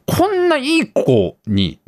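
A man's voice: extremely high pitch, huge pitch swings, slow pace, a little mellow, dry recording. A man in his thirties animatedly retelling a film on a casual radio talk show, acting out lines and laughing often. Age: 30s. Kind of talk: casual chat retelling a film with acted quotes.

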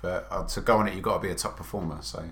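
A man co-hosting a casual podcast chat, animated and quick to laugh. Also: sits low, slight background noise. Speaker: podcast co-host. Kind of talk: casual chat among friends.

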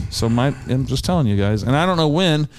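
A man's voice: mid-range voice, animated, normal speed, dry recording. A man co-hosting a talk show, earnestly rambling through political opinions with frequent restarts. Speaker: co-host.

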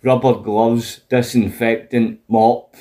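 A man with a broad Scottish accent chats casually, telling animated stories in coarse, sweary, colloquial language. His voice is medium-pitched and dark, slow, with little pitch movement.

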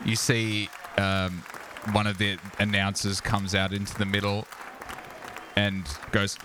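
A man narrating a tabletop game as game master, animated and full of fillers. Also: fairly low pitch, measured pace, crowd noise, background noise.

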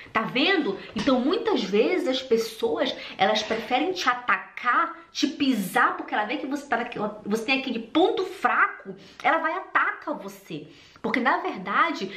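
Animated higher-voiced woman vlogger. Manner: animated, expressive storytelling. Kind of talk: personal storytelling and encouragement. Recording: roomy echo.

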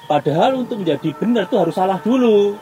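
A middle-aged man from Java with a Javanese accent, a guest interpreter speaking in an emphatic, animated casual interview. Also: sits high, fast, faint music behind, poor audio. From Java, Indonesia.

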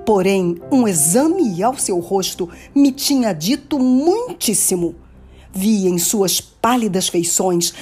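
A woman narrating a romantic story in a slow, expressive reading. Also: mid-range voice, slightly rough. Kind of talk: dramatic reading of a romance novel.

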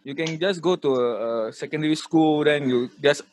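A man's voice: on the high side, normal speed, a little mellow, no room sound. A man with a Singaporean accent hosting a podcast in casual Singlish, ending phrases with lah and ah. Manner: colloquial Singlish with particles like lah, ah. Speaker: podcast host.

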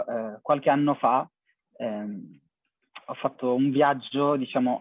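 A young man giving an earnest, halting, reflective personal account as an interview guest. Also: medium pitch, no echo. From half Syrian family. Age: young adult. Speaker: interviewee, charity cycling traveller. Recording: thin phone-like call audio, husky dry sound.

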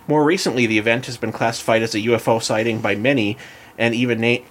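A man's voice: mid-range voice, fairly even intonation, quick pace, a bit bright. A man hosting a casual podcast chat, laid-back and self-mocking, who trips over words as he reads. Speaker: podcast host. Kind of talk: casual chat, reading aloud.

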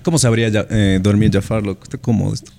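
A man, co-hosting a podcast and teasing the others with quick questions. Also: on the low side, steady tone, vocal fry, warm tone, in a large hall. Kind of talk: casual chat.

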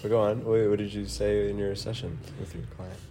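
A man's voice: on the low side, flat delivery, fairly quick, dark tone, a little hiss or hum. A man from New York hosting a podcast, talking in a loose, rambling way with lots of fillers. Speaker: podcast host. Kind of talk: casual podcast conversation.

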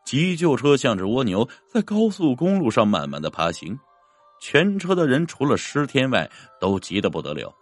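A man narrating a dramatic story in an expressive, theatrical manner. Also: moderate pace, no echo, soft background music. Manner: expressive, swinging pitch.

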